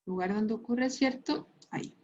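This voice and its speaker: A woman's voice: a little high, moderate pace, darkish tone, lo-fi sound. A Chilean woman teaching a science class online, reviewing a quiz with a playful, teasing manner and frequent laughter. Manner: teasing, laughs often, explains patiently.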